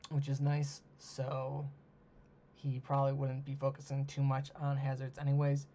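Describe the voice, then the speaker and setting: A man hosting a solo monologue, talking casually with many ums and uhs, losing his voice and clearing his throat. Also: medium pitch, completely flat delivery, normal speed, warm tone. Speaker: host. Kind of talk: solo monologue ranking teams. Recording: dull lo-fi mic with faint hiss.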